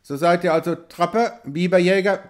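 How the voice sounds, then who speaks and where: A man's voice: high voice, moderate pace, natural voice. A man voicing a jovial, stout frontier hunter who asks probing questions.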